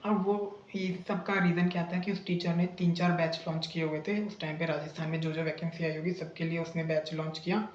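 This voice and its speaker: A man's voice: fairly high pitch, fairly even intonation, brisk, few pauses, reverberant, lo-fi sound, slight background noise. A young man in casual vlog storytelling, retelling a bad experience in a chatty, indignant way, full of fillers and restarts. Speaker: vlogger recounting a bad coaching experience.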